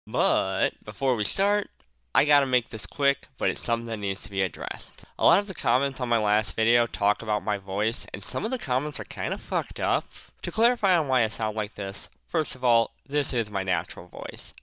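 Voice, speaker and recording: A man's voice: mid-range voice, sing-song, normal speed, pushed and bright, smooth, no room sound. Lisping man with oddly placed emphasis. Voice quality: lisp. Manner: puts odd emphasis on random words; casual, profane, sardonic. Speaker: video narrator and reviewer. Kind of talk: casual scripted video essay commentary. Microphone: cheap headset mic.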